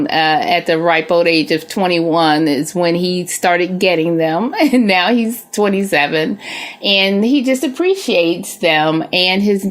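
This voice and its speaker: Unhurried middle-aged woman, teasing tone. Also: lowish voice. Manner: teasing, corrects her husband's facts. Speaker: podcast host, wife. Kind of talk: casual chat.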